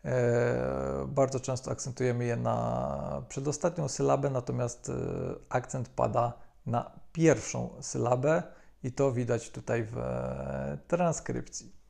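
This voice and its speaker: A man calmly explaining a language topic as a video lesson, with frequent hesitation fillers. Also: mid-range voice, unhurried, creaky. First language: Polish. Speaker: language teacher.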